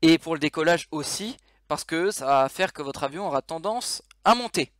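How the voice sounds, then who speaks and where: A man's voice: on the high side, animated, moderate pace, fairly bright tone, no echo, studio quality. A man giving a casual game tutorial over his screen, explaining controls with many fillers and restarts.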